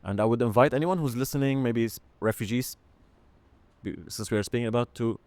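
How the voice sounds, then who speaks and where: Podcast host, male, mid-pitched, halting and earnest, dry close mic. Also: darkish tone, no echo. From Syria. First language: Arabic. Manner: halting, searching for words, earnest. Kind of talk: reflective podcast conversation.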